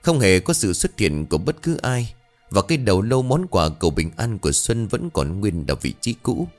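A man's voice: fairly low pitch, sing-song, normal speed. A man narrating a scripted horror story in a dramatic, suspenseful way. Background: faint music.

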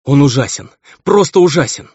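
A man's voice: on the low side, moderate pace, husky, no echo. A man voicing a feverish, frantic young noble son raving, on a dull, lo-fi recording.

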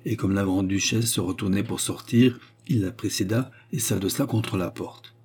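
Low, husky man narrating a novel. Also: normal speed, darkish tone. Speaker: audiobook narrator.

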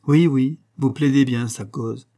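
A man voicing a calm, mysterious older Indian sage who speaks slowly and gently in a read-aloud novel. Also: medium pitch. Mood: knowing. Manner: slow, gentle, knowing.

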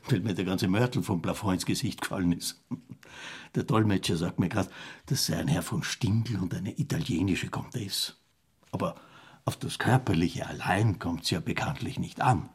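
Radio play: a preachy journalist, husky and low. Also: male voice, exaggerated voice. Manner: indignant, lecturing. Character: pompous male journalist, opinionated and moralizing.

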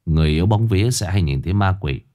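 A brooding young husband in a spoken ghost story, speaking low and grave as he warns his wife, voiced by the male narrator. His tone is subdued and heavy. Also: lively intonation, quick pace, dark tone.

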